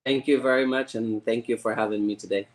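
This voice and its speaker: Halting, eager man from Morocco. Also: medium pitch, steady tone. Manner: halting, repeats words, eager. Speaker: guest. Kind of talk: casual interview.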